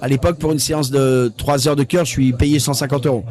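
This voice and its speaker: A man's voice: mid-range voice, fairly even intonation, fast, darkish tone. A man, telling a long anecdote on stage at a live event. He acts out other people's lines and often repeats his words. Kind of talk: lively storytelling anecdote.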